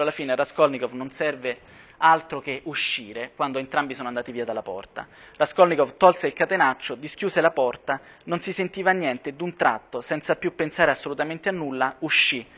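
A man at a workshop reading a novel aloud and commenting on it, slowing down for tense passages. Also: a little high, a bit bright.

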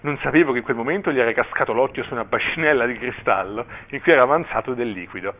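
Un uomo che legge ad alta voce un brano di romanzo con espressività, con qualche breve commento. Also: male voice, mid-range voice, fast. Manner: expressive reading with brief asides. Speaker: reader at a cultural event. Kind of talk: reading a novel excerpt aloud. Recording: tinny phone-like line.

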